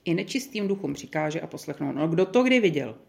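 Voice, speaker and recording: A woman guides a small group through a Bible passage in a relaxed, conversational way. She thinks aloud, restarts her sentences and fills her pauses. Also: low voice, creaky. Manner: thoughtful, chatty, with many fillers and restarts. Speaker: Bible study leader. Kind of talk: leading a group Bible study.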